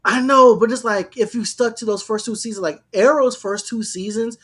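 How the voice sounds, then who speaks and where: A man in a casual chat with friends, talking in a relaxed, reflective way and drawing out his phrases. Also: sits high, normal speed, breathy edge.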